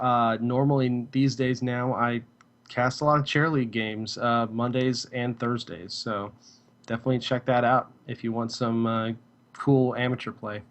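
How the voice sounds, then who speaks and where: Easygoing male podcast co-host. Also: medium pitch. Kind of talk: casual podcast chat.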